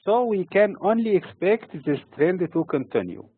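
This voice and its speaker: Formal market commentator, tinny sound. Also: male voice, high voice, very animated, moderate pace, husky, dry recording. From Egypt. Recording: tinny phone-like recording.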